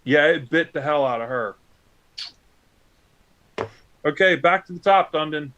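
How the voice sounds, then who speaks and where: A man narrates a tabletop game as its game master, taking his time and pausing on fillers. His voice sits a little high, and he speaks slowly while he lays out what the monster does. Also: a bit bright, dull audio, slight background noise. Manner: slow, hesitant with fillers.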